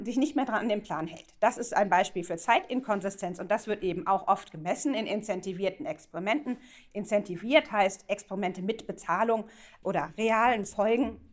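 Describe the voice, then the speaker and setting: A middle-aged woman delivers a university lecture. She explains carefully, poses rhetorical questions to her listeners and often checks in with short tag questions between points. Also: on the high side. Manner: many "ja?" check-ins and "ähm" fillers.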